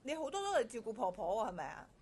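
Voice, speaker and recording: A woman interviewing a job candidate in a brisk conversational way, repeating and rephrasing her questions. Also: on the high side, big pitch swings, a little mellow, slight background noise. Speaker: interviewer screening a domestic helper.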